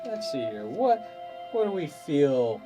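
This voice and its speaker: A man's voice: a little high, takes it slowly, over loud music. A man hosting a stream as game master, playfully walking players through tabletop rules. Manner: animated, playful explainer.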